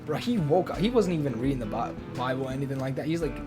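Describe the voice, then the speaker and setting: A man's voice: mid-range voice, animated, fast, over music. A young man reading a story aloud with casual, sarcastic comedic commentary. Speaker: YouTuber.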